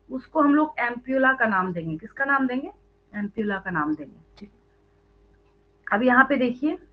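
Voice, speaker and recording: A woman teaches biology in a live online class. She walks through each point step by step, quizzes her students and repeats every answer, mixing in English terms. Her voice sits fairly high and comes through a thin, phone-like line. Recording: tinny phone-like online audio.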